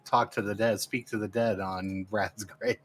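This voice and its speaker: A man's voice: fairly low pitch, steady tone, unhurried. A man in a casual gaming stream chat who teases his friends with wisecracks. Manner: teasing, wisecracking. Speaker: stream co-host.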